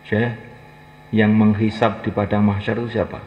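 A man's voice: fairly low pitch, little pitch movement, normal speed. A man preaching a folksy, humorous sermon, acting out little dialogues and urging listeners to stand. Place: mosque gathering. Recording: echoey hall, lo-fi, faint noise.

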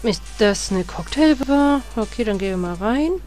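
A woman's voice: fairly high pitch, animated, normal speed, darkish tone. A woman in her thirties talking chattily through a video game, reminiscing and cursing at the game. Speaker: let's player. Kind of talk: casual gameplay commentary. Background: faint game music.

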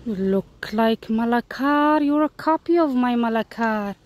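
A woman's voice: fairly high pitch, unhurried, dry recording. A woman talking tenderly and teasingly to street cats outdoors while filming them. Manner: doting, teasing, laughing softly. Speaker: cat-feeding vlogger. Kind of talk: casual talk to street cats.

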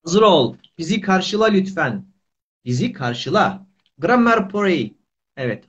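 A man's voice: high-pitched, sing-song, slow pace, fairly bright tone. A man, hosting a casual live language lesson in simple, repeated short phrases. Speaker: Turkish teacher and live host. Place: small indoor room. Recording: dull lo-fi livestream audio.

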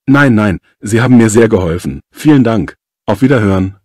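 A man's voice: lowish voice, expressive, normal speed, a little mellow, slightly rough, no echo, studio quality. A man playing a polite gym manager as a customer, explaining things courteously in a scripted phone dialogue. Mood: polite, concerned. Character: polite male gym manager phoning about a fault.

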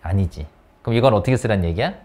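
A man quizzes his students by name during an English grammar lesson in an academy classroom, speaking English and asking one question after another in a lively, coaxing way. He talks fast in a lowish voice.

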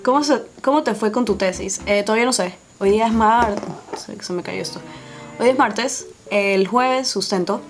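Young woman, Guayaquil accent, casual beauty vlog chat, mid pitch, faint background music. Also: moderate pace. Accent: Guayaquil Spanish. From Ecuador. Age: 20s. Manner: chatty, laughs often, filler-heavy. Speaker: beauty YouTuber. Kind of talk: casual Q&A chat while doing makeup. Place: small indoor room before a dark backdrop. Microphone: camera on tripod at head-and-shoulders framing.

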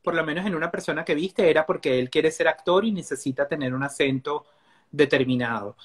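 A man hosting an interview, asking questions in a slow, drawn-out way. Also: a little high, slightly rough. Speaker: interview host. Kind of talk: casual interview chat.

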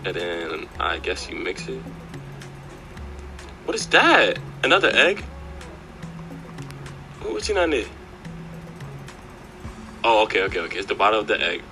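A man's voice: fairly low pitch, huge pitch swings, a little slow, creaky, long pauses. A man giving casual running commentary on a makeup routine in a puzzled, questioning manner. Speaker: guest voice-over commentator. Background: background music.

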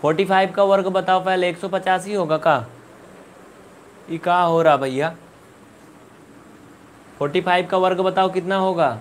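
High-voiced scolding maths teacher. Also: male voice, steady tone, normal speed, pauses often, slight background noise. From India. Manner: scolding, repeats questions to students. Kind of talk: live online maths class.

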